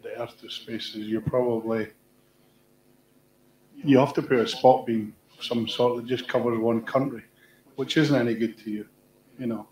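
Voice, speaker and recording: A man's voice: medium pitch, fairly even intonation, normal speed, long pauses, darkish tone. Man explaining in an echoey hall. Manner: explanatory, loose with fillers and restarts. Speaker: panelist. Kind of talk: panel discussion. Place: large conference hall on stage. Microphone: room sound from far in the audience.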